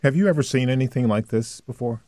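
A male news anchor asking brief, measured questions in an interview. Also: mid-range voice, dark tone, no room sound, clean studio sound.

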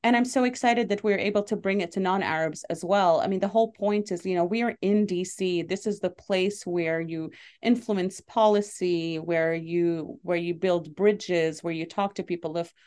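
A Lebanese comedian and show producer in middle age responds to interview questions in a chatty, earnest manner, dropping in many fillers and easy laughs. Her lowish, darkish voice holds a steady tone at normal speed with few pauses.

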